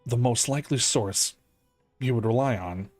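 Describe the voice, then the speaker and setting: A man reading game dialogue aloud as a calm, conscientious police detective, in a serious and deliberate way. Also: mid-range voice, faint music behind, natural voice. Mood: musing.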